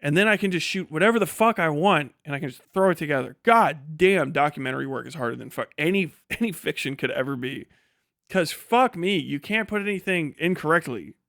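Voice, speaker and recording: Ranting and chatting on his livestream, a tired male host and video creator rambles bluntly and swears heavily. He speaks briskly with lively intonation, a high-ish, slightly bright voice, and vocal fry, captured in a clean studio with no room sound.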